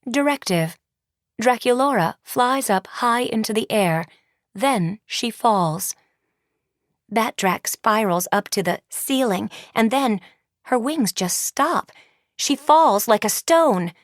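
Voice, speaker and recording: A woman narrating an audiobook in a slow, even storytelling manner. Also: fairly high pitch, no room sound, studio quality. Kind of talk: scripted narration.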